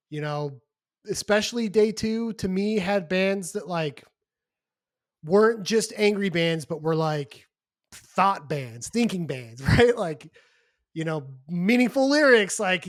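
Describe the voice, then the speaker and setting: A man's voice: high-pitched, fairly bright tone, no room sound, studio quality. A man co-hosting a podcast, talking in a casual, rambling and earnest way, full of "dude" and "like". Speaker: podcast co-host. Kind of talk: casual chat.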